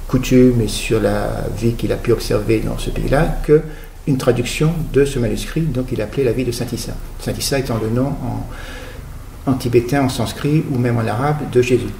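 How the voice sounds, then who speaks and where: Gravelly-voiced man explaining patiently. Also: medium pitch, steady tone, warm tone, reverberant, a little hiss or hum. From Guadeloupe. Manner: measured, explanatory, with hesitations. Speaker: author guest. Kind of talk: radio interview.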